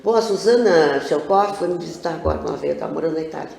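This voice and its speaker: An older woman with a low, creaky voice talks fast, launching into animated, meandering stories and side remarks as a guest on a relaxed TV interview. She's a local cultural figure, and the studio audio carries a roomy echo plus slight background noise.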